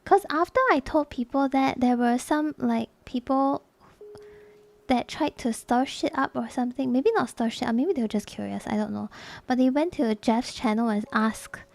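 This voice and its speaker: Young woman streamer, off-the-cuff chat with viewers, candid and profane, laughs easily, slightly high voice. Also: normal speed, creaky, darkish tone. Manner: candid, laughs often, swears casually.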